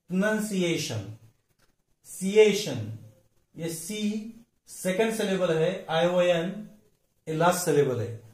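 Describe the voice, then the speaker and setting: A man teaching English pronunciation in a slow explanatory lesson, spelling words out letter by letter. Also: high voice, a little mellow. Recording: echoey room.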